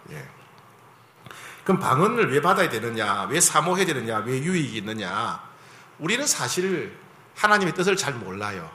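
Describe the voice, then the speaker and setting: A man's voice: on the high side, pushed and bright, reverberant. A man preaching a sermon as a pastor in a conversational style, often asking the congregation for agreement.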